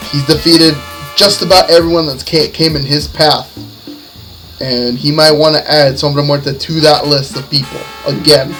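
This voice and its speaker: Calling wrestling action in clipped phrases that build, this male lucha libre announcer speaks on the high side with a fairly bright tone. Music runs behind him on a low-quality recording.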